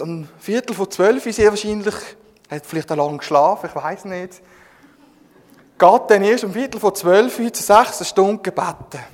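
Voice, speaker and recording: A man with a Swiss German accent preaching a sermon, telling the story with humour and calling on listeners by name. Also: high voice. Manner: lively, humorous storytelling, addressing listeners by name. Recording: long echoing reverb.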